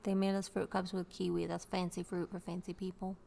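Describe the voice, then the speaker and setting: Low, creaky-voiced woman bantering. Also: flat delivery, fairly quick, mellow, a little hiss or hum. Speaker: podcast co-host. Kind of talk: casual bantering chat. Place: inside a church rental.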